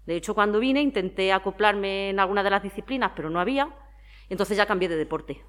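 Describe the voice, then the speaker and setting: Her medium-pitched voice has a fairly bright tone, and she talks fast. She's in her forties, from Madrid with a Spanish accent, a former athlete turned town sports councillor who chats through interview questions and backs her explanations with examples.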